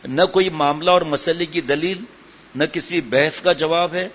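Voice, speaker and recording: A man delivers a religious sermon to a gathered audience, his voice sitting on the higher side for a man. He keeps turning to his listeners with direct questions and drops English words into his speech. The recording sounds dull and lo-fi. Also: a bit bright. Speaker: preacher.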